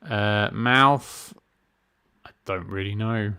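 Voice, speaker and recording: A middle-aged gaming streamer draws out his words in a lowish voice that is bright, forceful and smooth. He keeps up chatty, self-deprecating let's-play commentary, reading the menus aloud as he goes.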